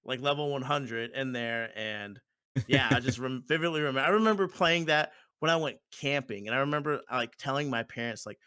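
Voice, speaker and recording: A man's voice: medium pitch, a little fast, sharp tone, clear, resonant tone, no room sound. A man in his twenties chatting casually on a podcast, rambling and leaning on "like" and repeated words. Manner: rambling, repeats himself, uses "like" a lot. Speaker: podcast co-host. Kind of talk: casual chat.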